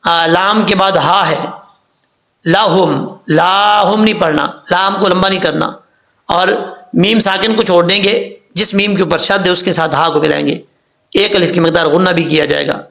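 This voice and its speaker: A man teaching correct Quran pronunciation, explaining each rule and then chanting the words slowly to show how they should sound. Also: high voice, steady tone, creaky, fairly bright tone, reverberant.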